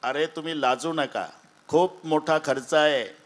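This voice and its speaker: A man voicing a friendly, relaxed middle-class householder. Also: fairly high pitch, a little slow. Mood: affable. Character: affable middle-class male householder, easygoing.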